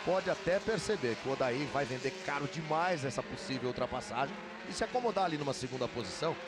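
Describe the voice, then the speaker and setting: A man's voice: medium pitch, expressive, fast. A man with a Brazilian accent giving live motor race commentary, drawing out his calls of the action dramatically. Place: commentary booth at a racetrack. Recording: loud engine and trackside noise behind. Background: loud car and outdoor track noise.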